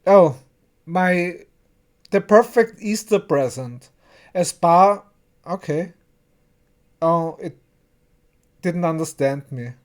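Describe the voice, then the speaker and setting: Slow-talking reviewer, English speaker. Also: mid-range voice. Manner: chatty, stumbling, repeats words, acts out characters' lines. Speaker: TV episode reviewer. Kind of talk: casual recap and review of a TV episode.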